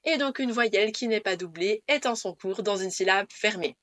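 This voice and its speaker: A woman teaching Dutch pronunciation to camera, patiently repeating the rules in a clear way. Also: medium pitch, normal speed, fairly bright tone, no echo.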